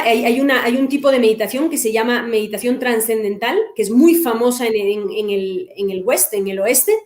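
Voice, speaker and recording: Woman host, translating, fairly high voice, roomy echo. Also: a little mellow. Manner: summarizing clearly, switching between English and Spanish. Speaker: host and interpreter. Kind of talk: interview, translating into Spanish.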